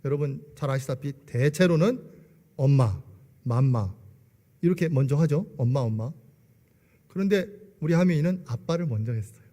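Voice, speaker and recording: A man's voice: mid-range voice, lively intonation, normal speed, long pauses, dark tone. A man in his forties giving a church testimony, often asking the congregation questions. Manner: asks the congregation rhetorical questions. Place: church sanctuary. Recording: long echo of a large hall.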